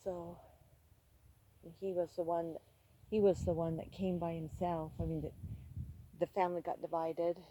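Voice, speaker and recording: A sweet older woman, a grandmother, casually reminiscing about family in a halting way, on a noisy amateur recording. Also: fairly low pitch, little pitch movement, mellow.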